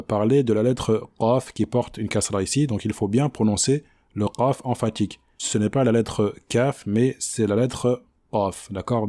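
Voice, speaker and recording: A man giving a tajwid lesson, patiently explaining pronunciation, checking in with "d'accord?" and slowly modeling each word in a drawn-out recitation. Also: lowish voice, dark tone. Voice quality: chants the verse in a slow drawn-out recitation. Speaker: Quran recitation teacher.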